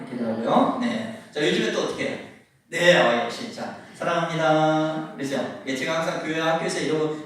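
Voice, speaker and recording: A man in his fifties, a teacher and pastor, giving a lively seminar talk to parents in a church and acting out kids' greetings as he goes. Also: high voice. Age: 50s. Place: church hall. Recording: echoey hall from far off.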